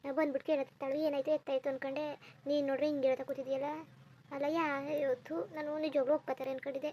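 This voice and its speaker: Woman doing a chatty older sister in a village cartoon, high quick voice that stays flat. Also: dull audio, a little hiss or hum, lightly acted. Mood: dismayed. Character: caring married elder sister, chatty and warm-hearted. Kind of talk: cartoon voice acting.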